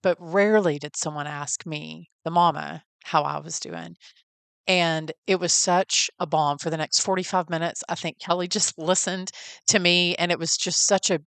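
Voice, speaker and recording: Her voice sits low, yet it's clear, resonant and fairly bright, with no room sound at all. This woman from Texas, in her forties, shares her personal story warmly and folksily as a podcast host.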